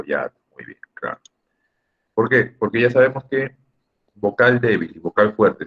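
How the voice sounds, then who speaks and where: Deep husky man teaching. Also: muffled recording. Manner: patient, explains step by step, asks the class questions. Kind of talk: online class on Spanish grammar. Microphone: computer mic on a video call.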